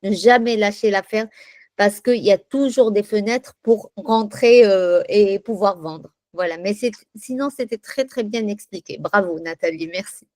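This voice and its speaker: A woman taking part in a casual group training chat, talking in a lively, encouraging way. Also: medium pitch, normal speed, no echo.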